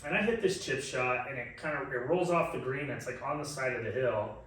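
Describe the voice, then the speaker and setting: A man's voice: medium pitch, a little fast, fairly bright tone, a little hiss or hum. A man of forty telling a long story in a casual chat, laughing often and swearing freely. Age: 40s. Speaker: podcast co-host. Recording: echoey room, mic at a distance.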